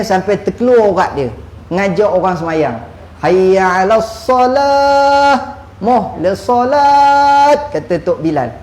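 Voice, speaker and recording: A man's voice: high-pitched, a little mellow, slight background noise. A male religious teacher, giving a joking, story-filled evening lecture in a mosque. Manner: joking, storytelling, chanting the call to prayer. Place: mosque hall. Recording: echoey mosque hall.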